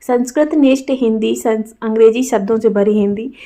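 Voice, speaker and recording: A woman's voice: fairly high pitch, steady tone, moderate pace, dark tone. A woman teacher reading a prepared exam answer aloud as a lecture, stressing words in example sentences.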